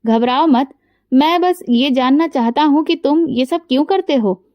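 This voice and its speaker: A woman reading the lines of a remorseful wealthy factory owner who asks questions gently, shaken and pleading. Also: sits high, a little slow, no echo, muffled recording. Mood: troubled.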